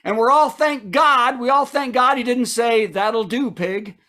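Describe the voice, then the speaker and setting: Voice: high voice, fairly even intonation, normal speed, pushed and bright. A comedy host delivering a punchy late-night style monologue, setting up news items and punchlines with asides to the audience.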